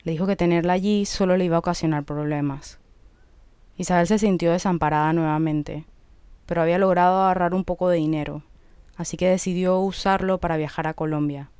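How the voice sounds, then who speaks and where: A narrator reading scripted documentary narration in an even, matter-of-fact way. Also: mid-range voice, clear, resonant tone, dry recording.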